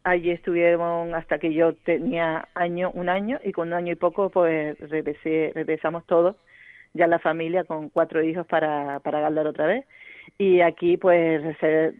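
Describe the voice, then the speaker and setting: A novelist from Gran Canaria, Spain, considers her answers in a radio interview, her speech full of fillers and restarts. She speaks at a moderate pace in a lowish, flat voice with no room sound, heard on a dry, tinny, phone-like line.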